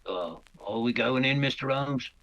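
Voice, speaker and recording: A man's voice: medium pitch, moderate pace, fairly bright tone, highs cut off, lightly acted. A man playing Lestrade, a plain-spoken, practical police detective in an old-time radio mystery. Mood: matter-of-fact. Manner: matter-of-fact, colloquial.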